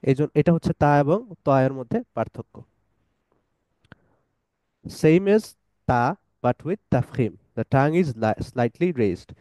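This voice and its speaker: A man's voice: medium pitch, lively intonation, takes it slowly, long pauses, warm tone, no room sound. A man teaching a pronunciation lesson, saying each letter sound over and over for listeners to repeat, with English phrases mixed in. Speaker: tajweed teacher.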